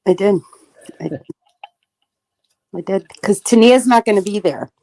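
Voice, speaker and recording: A woman's voice: mid-range voice, unhurried, mellow, dry recording. A woman co-hosting a casual reseller livestream chat, effusive and emotional.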